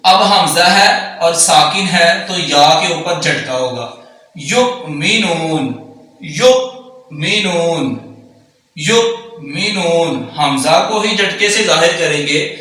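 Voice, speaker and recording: A man teaching Quran recitation, alternating quick explanations with slow, drawn-out recitation of verses. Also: on the high side, sharp tone. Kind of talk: tajweed lesson, explaining and reciting slowly. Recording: very echoey room, distant mic.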